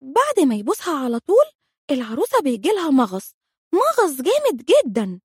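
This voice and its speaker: Woman putting on a little Egyptian girl, high and lively, sure of herself, matter-of-fact. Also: brisk, dry recording, clean studio sound. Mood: confident. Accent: Egyptian Arabic. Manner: self-assured, matter-of-fact. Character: confident little girl explaining grown-up things.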